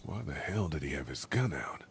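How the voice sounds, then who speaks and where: An actor playing a wary, level-headed man in handcuffs in a video game, with a grounded, natural delivery that breaks into frantic shouts. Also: extremely low pitch, big pitch swings, a little fast, creaky, a little hiss or hum, full character voice. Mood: uneasy.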